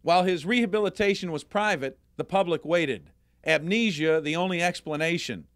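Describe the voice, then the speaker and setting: Male documentary narrator, measured scripted read, dry booth sound. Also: a little high, no echo. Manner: measured, even delivery.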